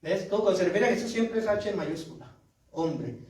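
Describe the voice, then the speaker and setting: A man's voice: sits high, expressive, moderate pace, a little mellow. A man preaching as a pastor, reading scripture aloud and often asking his congregation "¿verdad?". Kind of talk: sermon. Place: church hall. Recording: echoey church hall from far off.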